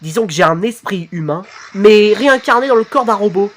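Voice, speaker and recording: A woman's voice: mid-range voice, animated, brisk, a little hiss or hum, lightly acted. A woman voicing a cocky, boastful male robot cameraman with a human mind in a robot body.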